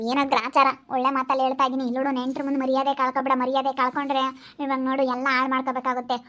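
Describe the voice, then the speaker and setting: A woman's voice: sits high, fairly bright tone, dull audio. A woman playing a jealous village wife who scolds and threatens in a skit. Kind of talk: skit acting.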